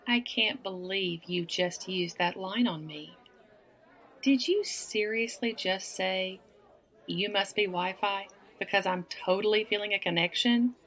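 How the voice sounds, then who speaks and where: A mid-range, slightly bright woman's voice with a Southern accent, flirting teasingly and laughing often. She plays a woman chatting up a stranger at a bar in a one-sided audio roleplay.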